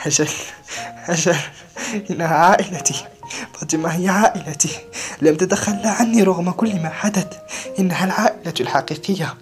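A bitter young orphaned man cries out in a raised, strained voice, as a woman storyteller puts him on. He hurls reproach after reproach, loud and high. Soft music plays faintly beneath. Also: brisk, close to an everyday voice. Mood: distraught pleading. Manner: shouting, reproachful, heated.

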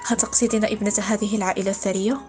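A woman voicing a gruff, scruffy middle-aged man living in hiding in a read-aloud story. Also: sits high, level tone, rapid-fire, faint music behind, lightly acted. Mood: guarded, scornful.

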